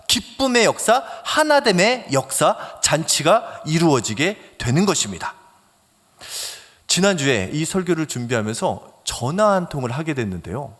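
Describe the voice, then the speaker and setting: A man pastor preaching a sermon in a lively, animated way, swinging between loud emphasis and soft near-whispers and acting out quoted phone talk as he tells a story. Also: sits high. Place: church sanctuary. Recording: long church reverb.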